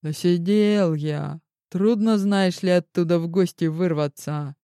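A cheeky, smirking young male rogue who has just done time, as a woman reader puts him on, speaking slowly in a low, mellow voice. Brash and teasing, he talks like a charming troublemaker in a storybook. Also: smooth, no room sound, clean studio sound. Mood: sulky. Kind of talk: audiobook character voice.

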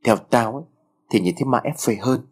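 Man reading a sleepy, slow-moving boy, grumbly and teasing, husky voice. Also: mid-range voice, natural voice. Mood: grumbling, teasing.

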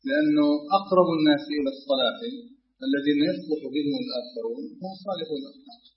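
A man's voice: a little high, very fast. A man talking with a sheikh in a scholarly discussion. He sets out his points one by one and stresses them firmly. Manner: emphatic, argues point by point. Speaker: student questioning a sheikh. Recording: dull old lo-fi tape.

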